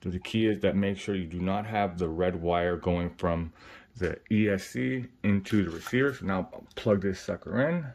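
The RC hobbyist's voice here is deep and darkish, at a moderate pace, as he explains a task step by step in an easygoing way. A post-surgery swelling in his face muffles him a bit, and he's working at an indoor hobby bench.

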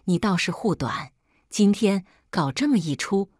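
A woman voicing a proud, wealthy middle-aged mother who scolds her daughters with sharp mockery. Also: mid-range voice, expressive, measured pace, no room sound, studio quality. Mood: scolding.

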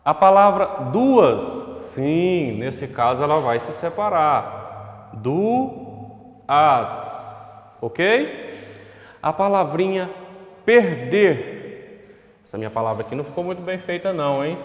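A male primary school teacher with a Brazilian Portuguese accent gives an online lesson at a classroom whiteboard, his voice on the high side, expressive and at normal speed. He patiently addresses the pupil at home, draws out words for dictation and checks in with "ok?". The room is echoey with long reverb.

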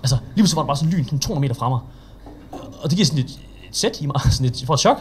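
A man's voice: a little high, animated, a little hiss or hum. Chatty young Danish man doing stand-up. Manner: chatty, self-mocking storytelling with quoted voices. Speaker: stand-up comedian. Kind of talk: stand-up comedy set. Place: open mic at a bar.

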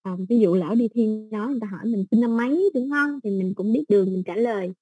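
A woman with a Southern Vietnamese accent, teaching an exam-prep English lesson in a patient, step-by-step way with soft fillers. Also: fairly high pitch, fast talker, husky, no room sound.

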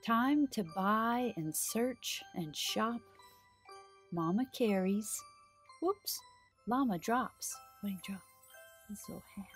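Soft music plays as a middle-aged woman reads aloud and chats with small children at library storytime, her medium-pitched voice animated, slow, and full of frequent pauses. Her delivery is exaggerated and sing-song, and the setting is a small decorated indoor storytime set.

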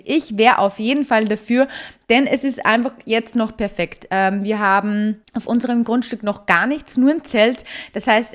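A young woman giving bubbly, gushing let's play commentary, dropping to quiet asides. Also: mid-range voice. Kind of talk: casual game commentary.

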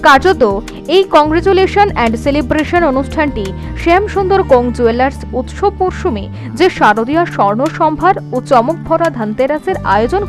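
A woman narrates a scripted news report. Her voice is very high and moves with lively intonation, over clearly heard music.

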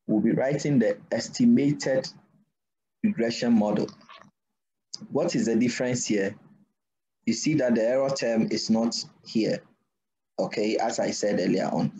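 A man lecturing a class at a deliberate pace, often pausing to ask "what?" so students can fill in the word. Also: mid-range voice, warm tone. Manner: asks students to finish his sentences with "what?"; slow deliberate delivery. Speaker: university lecturer. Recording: dull lo-fi recording.

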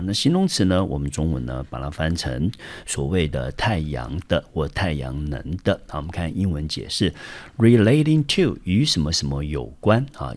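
A middle-aged Taiwanese man with a very deep voice teaches English vocabulary, spelling out sounds and meanings step by step. His pitch jumps up and drops down a lot as he stresses each point. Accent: Taiwanese Mandarin. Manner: explains step by step, often starting lines with "hao". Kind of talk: vocabulary lesson.

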